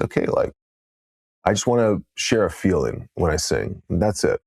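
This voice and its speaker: Fast-talking low-voiced man, earnest. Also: a little mellow, dry recording, studio quality. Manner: earnest, reflective, coaching tone. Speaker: podcast guest. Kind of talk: casual conversational storytelling.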